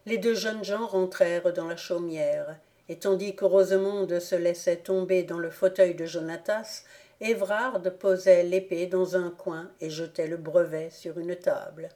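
A woman narrating a classic novel as an audiobook, calm and measured. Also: lowish voice.

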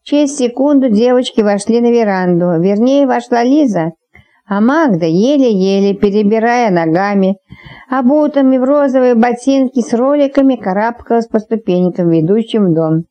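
A woman narrating an audiobook, reading lively and shifting her pitch to voice each character. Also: normal speed, lo-fi sound.

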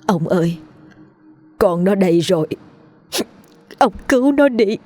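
A woman's voice: mid-range voice, expressive, a little slow, a little mellow, soft background music. A woman voicing a frightened middle-aged mother who pleads with her husband in a trembling voice. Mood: pleading.

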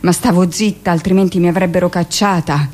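In a radio monologue, an actress plays a hardened middle-aged midwife confessing and justifying herself insistently and expressively. Her lowish female voice moves a little fast, lightly acted, with an anxious, confessional mood.

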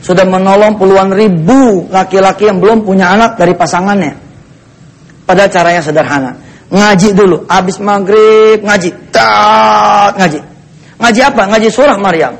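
A man's voice: sits high, a little fast. A man preaching a dawn sermon, joking and teasing his listeners. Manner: joking, playful asides to the audience. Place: mosque.

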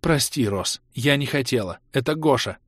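A man reading an audiobook, voicing a guilty, subdued young woman with a hoarse, breathy voice and a quiet, soft delivery. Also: mid-range voice, animated, moderate pace, dry recording, clean studio sound.

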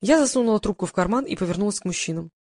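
A woman narrating a first-person audiobook with a lively, expressive reading. Her voice sits in a middle pitch, and the recording is dry and close with no room sound. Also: very fast, no room sound.

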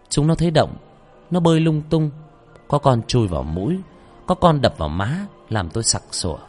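Man telling a horror story over music. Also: medium pitch. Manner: shouts out names during tense scenes. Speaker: storyteller and host. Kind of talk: dramatic horror story narration. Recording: soft music behind the voice.

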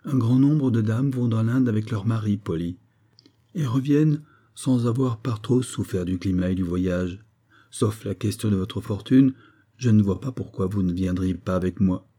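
Earnest young captain, read by a man, low, very dark timbre, gently firm. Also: moderate pace. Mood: reassuring. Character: young army captain husband, earnest and honorable. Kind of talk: audiobook character reading.

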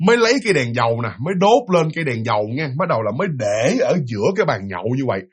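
A man telling a ghost story in a casual, animated way, repeating himself as he talks. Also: medium pitch, racing, breathy edge. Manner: animated, repetitive, conversational.

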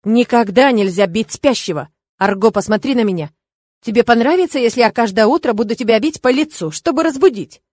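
A woman voicing a stern, irritable king and father who barks his words slowly and emphatically. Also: medium pitch, expressive, mellow, no room sound, natural voice. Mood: scolding.

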